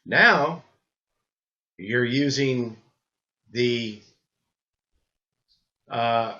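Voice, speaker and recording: An older man talks at a middling pitch, rambling and restarting with repeated words. His voice comes through the muffled, lo-fi sound of an old camcorder recording. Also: expressive, extremely slow, sharp tone. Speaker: health supplement presenter. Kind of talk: rambling spoken talk.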